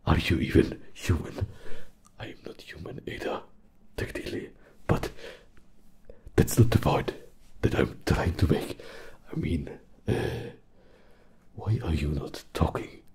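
Man playing a very deep, halting fox interrogator, whispered role-play. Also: heavily acted. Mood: mildly flustered. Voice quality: breathy, gravelly, soft. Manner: halting, hesitant interrogator, gentle. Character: soft, awkward male fox interrogator, hesitant and confiding.

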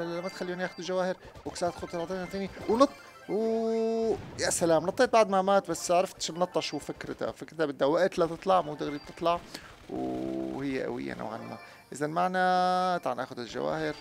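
A young man, a chatty gaming YouTuber doing let's-play commentary who talks to his viewers and gets loud and excited during play. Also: fairly high pitch, creaky.

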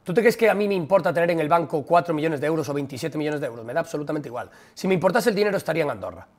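A man's voice: on the high side, lively intonation, racing. A young man with a Spanish accent from Spain, ranting bluntly and profanely at his live-stream chat.

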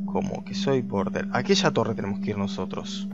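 A man giving let's play commentary, talking to viewers and shooting up in pitch when startled. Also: fairly quick, highs cut off, heavy background noise. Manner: excitable, talks to viewers, jumps high when startled. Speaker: gaming video host.

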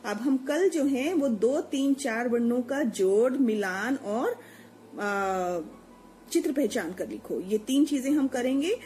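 A woman's voice: a little high, expressive, takes it slowly, warm tone, soft background music, low-quality recording. A woman teacher patiently explaining Hindi letters to young children, repeating each sound and checking that they follow. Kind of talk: children's Hindi alphabet lesson.

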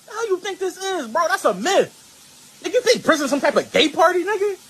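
A man's voice: extremely high pitch, big pitch swings, fairly quick, full character voice. A man playing a brash, menacing muscular prison inmate in a cartoon comedy skit, with slangy, confrontational talk. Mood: irritated, dismissive. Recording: loud music over the voice.

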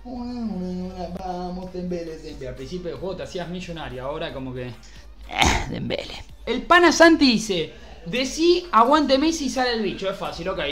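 Excitable Argentine gamer, roomy sound. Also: male voice, high voice, a little fast, soft background music. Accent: Argentine Rioplatense Spanish. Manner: excitable, swearing, pleading with the game, outbursts of yelling. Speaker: gaming streamer. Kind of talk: pack-opening gameplay commentary. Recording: roomy echo.

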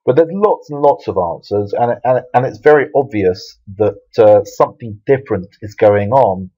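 A man's voice: fairly low pitch, slightly rough. Man teaching Bible Hebrew, lo-fi. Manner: explains patiently with fillers and restarts. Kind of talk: video lesson. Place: Jerusalem.

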